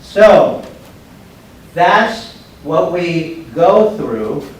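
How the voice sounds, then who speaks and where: In a large bare training room with padded floors, an older man around his sixties teaches judo, his slightly high voice animated and very slow. He breaks the demonstration into short, plain steps. The camera mic sits far away, so the sound echoes and carries background noise.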